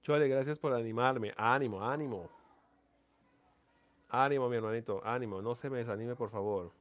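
A man's voice: mid-range voice, moderate pace. A man hosting a long casual live stream, talking to viewers in an affectionate, repetitive, coaxing way. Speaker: livestream host. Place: seated indoors.

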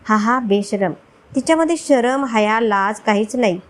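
A woman's voice: fairly high pitch, measured pace, lightly acted, rough recording. A woman voicing a feisty, playful young wife who teases and makes jesting threats. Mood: gossiping. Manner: teasing, threatening in jest.

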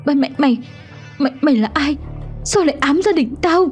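A woman's voice: high-pitched, animated, moderate pace, darkish tone, soft background music, pitched above the performer's own voice. A woman voicing a frightened older wife who stammers in fear. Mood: terrified.

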